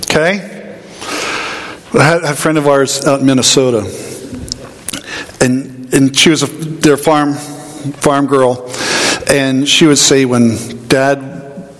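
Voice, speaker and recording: A man preaching a sermon, an animated storyteller who acts out voices in his anecdotes. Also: medium pitch, takes it slowly, long pauses. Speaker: pastor. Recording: hall reverb.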